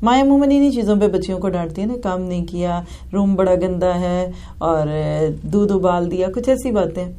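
A woman's voice: on the low side, hardly any pauses, mellow, soft background music. A woman giving earnest family advice, talking straight to her listeners. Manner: earnest, advising, addresses listeners directly. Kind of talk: advice talk.

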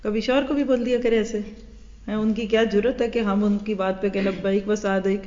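A woman's voice: mid-range voice, little pitch movement, warm tone. A woman gives a hadith class lecture and acts out little scenes of everyday talk as she teaches. Her voice rings through a large hall with a long echo, and the sound is dull and lo-fi. She mixes English words into her lesson. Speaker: religious teacher.

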